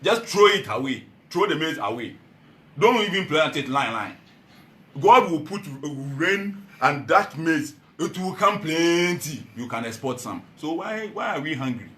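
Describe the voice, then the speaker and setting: Animated Ghanaian man giving a rousing speech. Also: measured pace, echoey room. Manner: animated, swings from loud calls to low earnest tones. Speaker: party founder addressing a meeting.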